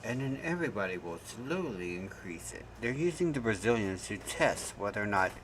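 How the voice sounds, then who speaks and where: A man with a lowish, lively voice chimes in on a live stream. He tosses in dry wisecracks and casual asides. A faint noise sits behind him. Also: moderate pace.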